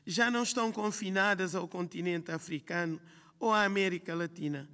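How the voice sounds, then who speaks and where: A writer from Guinea-Bissau, speaking with a Guinea-Bissau Portuguese accent, reads a speech on a panel in a large literary-festival hall. Her lowish voice is fairly bright, her delivery measured and reflective as she lists phrases in rhythm. Long hall reverb trails her words.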